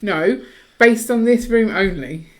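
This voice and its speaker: A woman's voice: a little high, slow. A woman from the UK co-hosting a casual podcast with her husband, chatty and teasing, often restarting her sentences. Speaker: podcast co-host. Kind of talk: casual chat.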